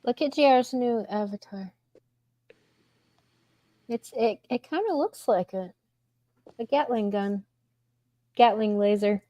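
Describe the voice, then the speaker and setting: A woman co-hosting a casual reaction stream, soft-spoken and blunt. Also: a little high, slow, long pauses, dry recording. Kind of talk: casual chat.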